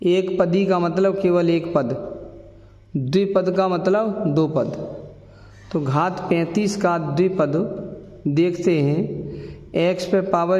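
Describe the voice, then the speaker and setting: A man teaching maths, explaining slowly and repeating each point patiently. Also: high voice, darkish tone. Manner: slow, repeats points patiently, mixes English maths words. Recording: echoey room, dull lo-fi sound.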